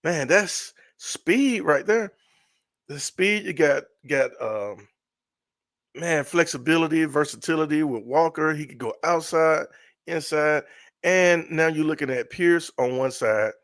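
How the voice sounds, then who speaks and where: A middle-aged man hosting a casual live sports stream, excitable and repetitive, often trailing off mid-sentence. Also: on the high side, unhurried, no room sound, clean studio sound. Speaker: sports show host.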